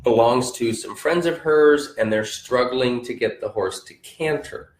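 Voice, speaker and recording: A man's voice: medium pitch, measured pace. A man hosting an interview podcast, easygoing and affirming as he reads out listener questions. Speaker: podcast host. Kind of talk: casual interview. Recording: echoey room.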